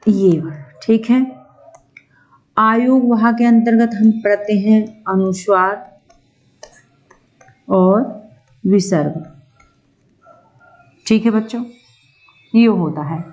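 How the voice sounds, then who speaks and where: Female grammar teacher, exam-prep lecture, unhurried and repetitive, dull lo-fi sound. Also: medium pitch, a little mellow. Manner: slow, repeats points, keeps checking with "ठीक है".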